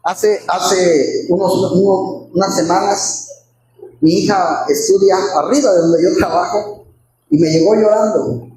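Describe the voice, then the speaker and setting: Pastor guy preaching hard, fairly high voice, big echoey church sound. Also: a little slow, dark tone. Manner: fervent, repeats phrases, addresses listeners as brothers. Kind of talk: Sunday sermon. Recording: very echoey hall, faint background noise.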